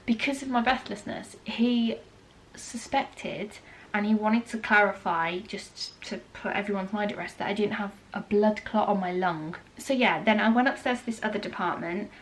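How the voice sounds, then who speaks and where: A British woman in her thirties, a vlogger congested with a cold, talks casually to camera and tells a story packed with ums and asides. Her voice is medium-pitched at a moderate pace, and the audio is poor.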